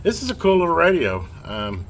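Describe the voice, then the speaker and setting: His voice sits on the high side, swinging hugely in pitch at a brisk pace, as this repair hobbyist presents a hands-on video. He's informal and folksy, thinking out loud while working, in a clearly noisy amateur workbench recording.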